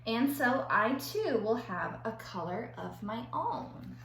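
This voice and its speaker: A woman's voice: on the high side, big pitch swings, takes it slowly, fairly bright tone, heavily acted. A woman reading the part of a wistful, earnest young chameleon in a children's storybook. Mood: hopeful. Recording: echoey room with faint background noise.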